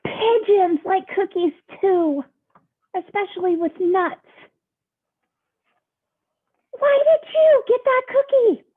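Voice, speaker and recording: A squeaky, wailing storybook pigeon, as a woman puts him on, begging and complaining in big swooping cries. The voice comes through thin and tinny, like a phone line. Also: sing-song, breathy edge, heavily acted. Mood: frustrated. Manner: dramatic, pleading, drawn-out whines. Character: whiny, excitable male pigeon who keeps asking.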